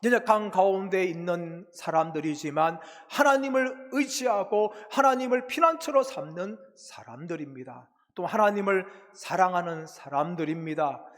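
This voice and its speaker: A man preaching an early morning sermon as senior pastor, reading scripture slowly and asking the congregation rhetorical questions, with phrase endings that drop lower and softer. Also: animated, big-room sound. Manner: asks the listeners rhetorical questions; reads scripture slowly and with weight.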